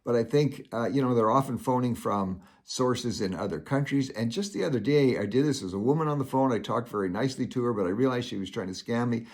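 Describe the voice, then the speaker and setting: A man's voice: medium pitch, quick pace, few pauses, a little mellow. An older man hosting a casual solo commentary show, folksy and rambling, with many filler sounds. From Canada.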